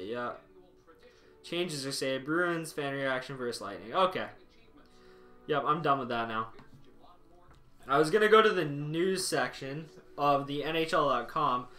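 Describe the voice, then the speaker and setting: A young man with a bright, slightly high voice talks to his live chat in a rambling, wry way. The sound bounces around an echoey room. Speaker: live streamer. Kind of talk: casual live-stream chat.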